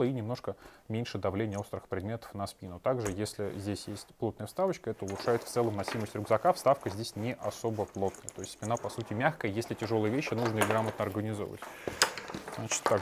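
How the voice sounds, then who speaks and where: A shop owner in his thirties, speaking at a fairly low pitch over background noise, reviews a backpack on a lapel mic in a small shop room. His product review is blunt and sarcastic with crude asides.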